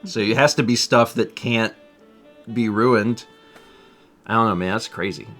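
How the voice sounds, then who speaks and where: Reading viewer comments on a live stream, a man in his thirties rambles casually, laughs often and jokes at his own expense. His voice is on the low side, a bit bright and unhurried, and soft music plays in the background.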